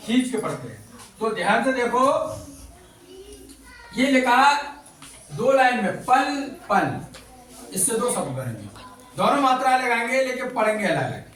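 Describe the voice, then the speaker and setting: A man's voice: extremely high pitch, very animated, measured pace, pauses often, fairly bright tone. A male teacher giving a classroom lesson, quizzing the children and repeating their answers back. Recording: echoey classroom from far off.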